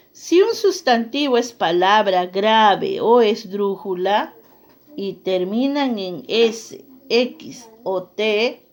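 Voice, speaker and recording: A woman teacher giving a grammar lesson, reading out rules and examples and often checking in with her listeners. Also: mid-range voice. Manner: slow, deliberate, checks in with listeners.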